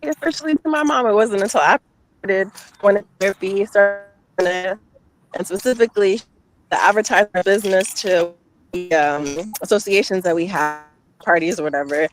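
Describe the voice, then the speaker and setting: A woman's voice: medium pitch, normal speed, faint music behind, low-quality recording. A young woman from Nigeria raised in America, a chatty guest speaking outdoors in a park over a video call that breaks up and drops out. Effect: choppy video call breaking up and dropping out. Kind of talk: casual talk-show chat.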